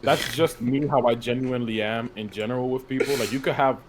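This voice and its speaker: A young man co-hosting a casual chat podcast, quick with blunt, teasing banter. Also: mid-range voice, fairly even intonation. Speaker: podcast co-host. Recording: clear background noise.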